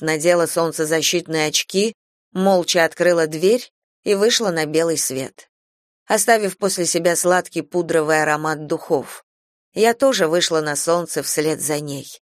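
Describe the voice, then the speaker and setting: A man reading a first-person literary novel aloud as an audiobook, in an even, measured way. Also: fairly high pitch, no echo, clean studio sound. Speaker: audiobook reader.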